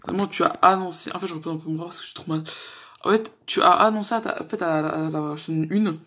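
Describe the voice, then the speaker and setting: A man's voice: a little high, fairly even intonation, fast talker, a bit bright. A young man doing casual reaction commentary, rambling, slangy and swearing a lot. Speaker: reaction YouTuber.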